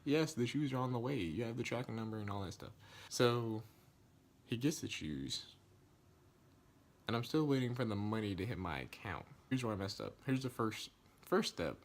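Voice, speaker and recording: A young man telling a casual storytime vlog, slangy and animated, acting out the quoted lines. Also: moderate pace, long pauses. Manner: animated, acts out quoted lines, rises in pitch when indignant; loose slangy speech with many likes and restarts. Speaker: vlogger.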